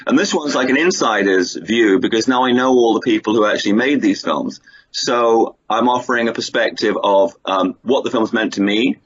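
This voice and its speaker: A middle-aged Englishman with a medium-pitched voice chats at a moderate pace, telling anecdotes as a guest on a radio interview. He is a film writer and producer. The recording sounds dull and lo-fi, with clear background noise.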